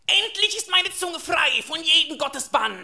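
A man voicing a scheming male devil who flatters and tempts, speaking in a silky, theatrical way. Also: very high voice, normal speed, vocal fry, a little hiss or hum, voice pushed up, heavily acted. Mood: sly, grand.

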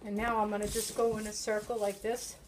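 Talking fairly quickly in a mid-range voice with little pitch movement, a middle-aged New England woman chats and coaxes while kneading bread dough by hand. The demo takes place in her home kitchen with kids nearby, filmed on a phone camera held by another person in a noisy home video.

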